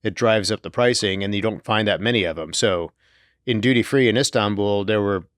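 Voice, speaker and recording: A middle-aged man whose first language is Turkish co-hosts a podcast, joking around in casual chat. His voice is on the low side and fairly quick, captured in a dry, clean studio recording.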